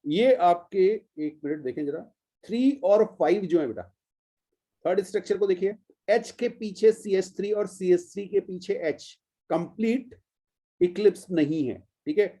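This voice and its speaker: A man's voice: high-pitched, moderate pace, dark tone. Patient Indian male chemistry teacher. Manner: patient, step-by-step explaining, addresses students as "beta". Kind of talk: classroom lecture.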